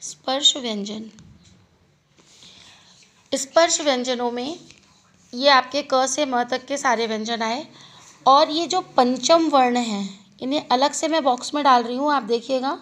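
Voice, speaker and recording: A woman teaching a grammar lesson, asking questions and answering them herself as she repeats each term slowly. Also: sits high, fairly bright tone, poor audio.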